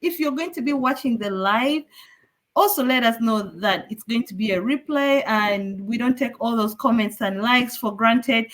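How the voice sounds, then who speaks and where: Woman from Uganda hosting a live online show, upbeat and welcoming, fairly high voice. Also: moderate pace, fairly bright tone. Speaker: host.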